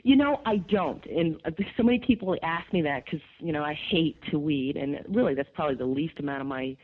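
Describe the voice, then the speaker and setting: A woman from upstate New York with a gravelly voice, chatting enthusiastically as a garden expert guest in a radio interview, with lots of fillers. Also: low voice, a little fast. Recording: tinny phone line.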